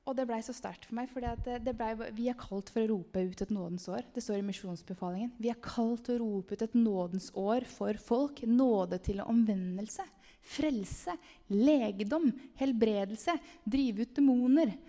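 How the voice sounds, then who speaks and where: A woman giving an animated, emphatic testimony sermon about a vision, sometimes calling out loudly to the listeners. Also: a little high, hardly any pauses. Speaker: speaker sharing a vision. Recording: long hall reverb.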